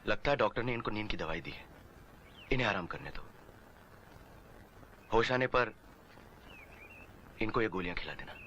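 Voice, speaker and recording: A man's voice: on the low side, lively intonation, normal speed, pauses often, sharp tone, dull audio, a little hiss or hum. An actor playing a friendly young police officer who speaks playfully and tenderly about his love.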